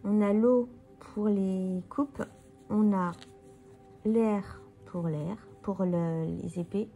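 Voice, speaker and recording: A tired woman with a medium-pitched, dark voice turns over tarot cards and presents them, musing aloud along the way. It's a casual walkthrough of her deck.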